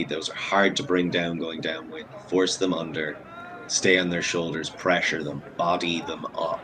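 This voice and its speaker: Low-voiced man commentating ultimate. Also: rough recording. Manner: chatty, analytical, self-deprecating asides. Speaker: sports commentator. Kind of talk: live play-by-play commentary.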